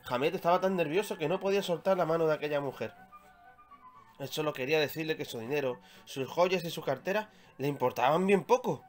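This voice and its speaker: A man from Spain reads his children's story aloud, measured and expressive, with a slightly raised voice. Soft music runs faintly behind him throughout. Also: fairly high pitch. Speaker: author reading his own story.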